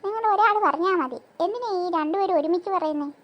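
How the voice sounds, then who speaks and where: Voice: extremely high pitch, a little fast, highs cut off. A voice actor playing a strict, scolding cartoon mother of two girls. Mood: questioning. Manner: stern, nagging. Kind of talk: cartoon voice acting.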